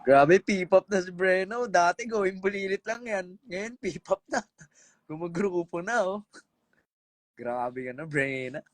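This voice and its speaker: A man's voice: high-pitched, slow pace, no echo, low-quality recording. Tired man chatting on a live stream. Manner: sings pop songs, then chats playfully with viewers. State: tired voice after singing. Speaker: singer doing an Instagram live. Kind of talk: casual live-stream chat with singing.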